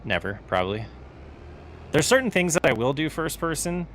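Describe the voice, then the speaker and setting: A man streams a farming game, chatting casually with viewers and rambling through answers to chat questions. His fairly high, slightly bright voice is very animated at a normal speed, with faint game vehicle noise behind him.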